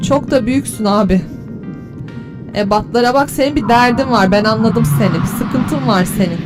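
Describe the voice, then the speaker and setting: A woman hosting a gaming channel, giving let's play commentary as she swears and bickers at the creatures on screen, switching to teasing mock flattery. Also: a little high. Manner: exasperated, cursing and bantering at the game's creatures.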